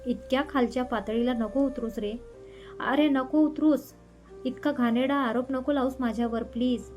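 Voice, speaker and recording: A woman's voice: high-pitched, steady tone, normal speed, darkish tone, highs cut off, faint music behind, lightly acted. A woman storyteller voicing a tearful young woman begging not to be shamed. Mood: pleading. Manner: pleading, tearful.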